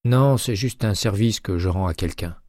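A man's voice: lowish voice, normal speed, a little mellow, dry recording, studio quality, voice pushed up, lightly acted. A male audiobook reader voicing a retired male investigator who asks for favors in a polite, persuasive tone. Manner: polite, persuasive phone talk.

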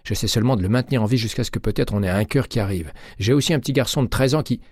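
A man's voice: medium pitch, rapid-fire, a little mellow, no room sound, studio quality, pitched above the performer's own voice, close to an everyday voice. A man voicing an angry middle-aged woman doctor who scolds her patient, reading an audiobook. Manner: scolding, clipped and indignant.

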